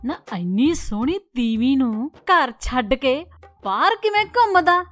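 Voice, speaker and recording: A woman's voice: sing-song, unhurried, a bit bright, soft background music, exaggerated voice. An actress playing a blind, motherly old village woman with a Punjabi accent, coaxing and tender in a film scene. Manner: coaxing, tender, then shrill scolding.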